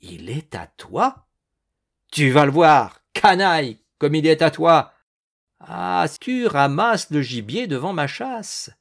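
A man voicing a suspicious old male landowner hunter who shouts and blusters, making angry accusations. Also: mid-range voice, sing-song, measured pace. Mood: furious.

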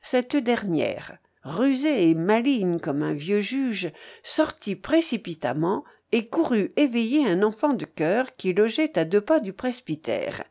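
A woman narrating a novel aloud at a slow, unhurried pace. Her pitch rises and falls with lively expression across each sentence. She sits at a middle pitch. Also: vocal fry. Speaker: reader.

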